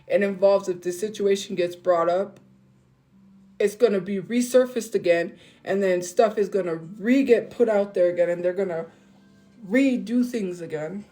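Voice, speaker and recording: A woman's voice: mid-range voice, moderate pace, mellow, faint music behind, low-quality recording. A woman on a phone live stream, venting and defending herself to her viewers in a casual, heated way.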